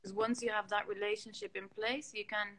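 A woman's voice: medium pitch, fairly even intonation, a little fast, a bit bright. A woman educational coordinator answering interview questions over a video call on a choppy connection with clicks, explaining her points step by step. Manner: explains points step by step, repeating phrases for emphasis.

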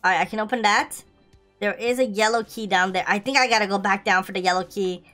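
A woman streaming a horror game, playfully scared and excitable, slangy, repeating her phrases as she comments on the play. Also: mid-range voice, quick pace, faint music behind. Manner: scared horror game streamer, shrieking and pleading in mock fright.

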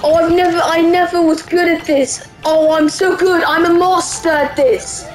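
A young woman doing excitable, playful let's-play commentary, taunting the enemies she fights. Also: very high-pitched, moderate pace, low-quality recording. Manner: excitable, playful trash-talk at game enemies. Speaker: gaming YouTuber. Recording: game music playing behind. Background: game music.

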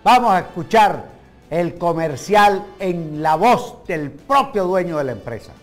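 A man's voice: high-pitched, animated, a little slow, soft background music. A man in his sixties hosting a TV commentary show in a studio, sarcastic and trailing off into mutters. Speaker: TV show host. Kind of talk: opinion commentary. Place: television studio set.

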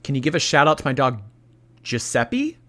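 A young man with a slightly stuffy, somewhat nasal voice chats casually on a live stream, reading out donations. He speaks at medium pitch and a moderate pace, animated and laughing as he reacts to chat.

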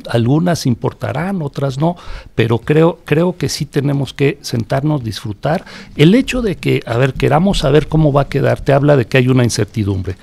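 A middle-aged Mexican panel guest with a gravelly, creaky edge to an average-pitched voice. He speaks reflectively and circles back to his main point, close to a studio mic. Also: lively intonation, normal speed, a little mellow. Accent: Mexican Spanish. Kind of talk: casual panel discussion. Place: radio studio.

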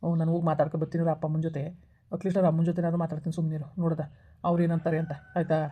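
A woman's voice: deep voice, level tone, dark tone. A woman playing a young man who scolds and comforts a crying friend like an older brother in a village comedy skit. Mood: soothing. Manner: scolding yet reassuring, fast and blunt.

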